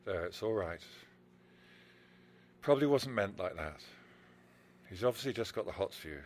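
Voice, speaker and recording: An actor playing an ordinary, attentive husband in a naturalistic drama, soothing and slightly hesitant. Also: male voice, on the low side, lively intonation, normal speed, darkish tone, slight background noise, close to an everyday voice. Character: attentive, placating husband, an ordinary office worker.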